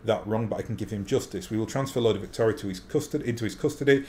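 A man's voice: lowish voice, rapid-fire, warm tone, lightly acted. A man reading the game part of an earnest, dignified noblewoman leader, formal, reproachful and resolute. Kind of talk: reading game dialogue aloud in character. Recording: faint background noise.

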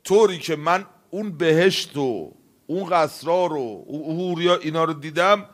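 A man preaching a sermon, telling a story with acted dialogue and swinging from hushed tones to loud outbursts. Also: a little high. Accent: Iranian Persian.

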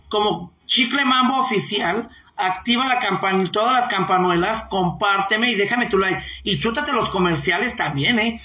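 A Mexican woman hosts a casual live stream and reads viewer comments aloud. She rambles playfully and giggles, salting her talk with crude local slang. Her voice is bright and a bit sharp, with a roomy echo around it. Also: mid-range voice. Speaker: online streamer.

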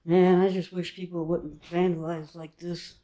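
Guy wandering thru abandoned houses w a handheld cam, low-key mellow voice, just chatting as he goes. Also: unhurried, muffled recording. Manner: relaxed, offhand comments while exploring. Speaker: urban explorer vlogger. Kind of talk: casual walkthrough narration. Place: outdoors and inside empty abandoned houses.

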